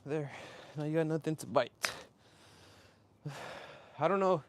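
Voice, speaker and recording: A man's voice: fairly high pitch, a little slow. A man chatting casually on a workout livestream in a slangy, upbeat way. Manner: upbeat shout-outs to viewers, slangy. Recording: clearly noisy live stream with clicks.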